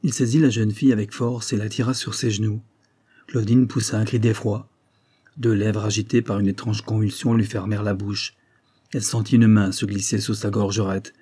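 A man with a fairly low, husky voice narrates a classic novel as an audiobook, reading in a measured, steady way.

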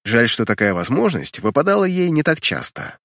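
A man's voice: medium pitch, big pitch swings, normal speed, creaky, a bit bright, no echo, clean studio sound. A man narrating fiction from a script as an audiobook reader, in a dramatic storytelling style.

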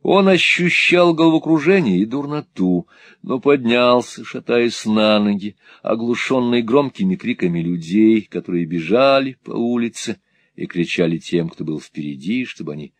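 A man narrating a classic novel as an audiobook, with measured and dramatic storytelling. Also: on the low side, expressive.

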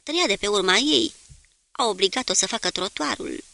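A man's voice: sits high, animated, gravelly, sharp tone, no room sound, heavily acted. A woman reading a nervous young male ship's machinist who speaks in hesitant, broken-off sentences. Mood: halting, anxious.

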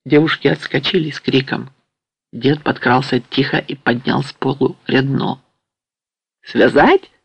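A man reading a historical novel aloud as an audiobook narrator, in a dramatic, measured way. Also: mid-range voice, steady tone, vocal fry, slightly rough, no echo, dull audio.

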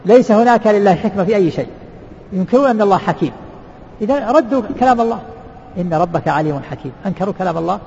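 A man's voice: high voice, a little mellow. A man, a sheikh teaching a religious text in a mosque. He asks rhetorical questions, answers them himself and repeats words as he goes. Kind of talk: lecture explaining a religious text. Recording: reverberant hall, dull lo-fi sound.

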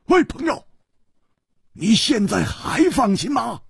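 A man voicing a cold, proud young swordswoman in a Chinese storytelling reading, speaking in a sharp, scornful way. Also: fairly high pitch, wildly swooping pitch, moderate pace, slightly rough, no room sound, studio quality, full character voice.

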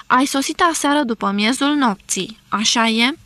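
A woman voicing a gentle troubled man, hushed. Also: on the high side, no room sound, close to an everyday voice. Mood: soft, anxious. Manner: soft, hushed questioning.

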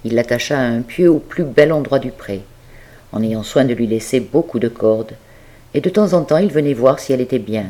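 A woman narrating a classic tale as an audiobook reader, expressive and talking straight to the listener. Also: rumbling low, normal speed. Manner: expressive, addresses the listener directly. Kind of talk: storytelling narration.

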